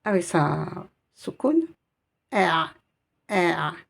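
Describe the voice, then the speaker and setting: A woman's voice: fairly low pitch, very animated, drawn-out words, creaky. A woman teaching Arabic reading in a patient, encouraging way, naming each letter and sound one by one. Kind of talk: slow step-by-step reading lesson.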